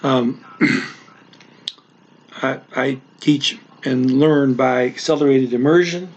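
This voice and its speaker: A man, a language teacher, giving a casual weekly channel update in a halting way, clearing his throat and using many fillers. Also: mid-range voice, steady tone, lo-fi sound, a little hiss or hum.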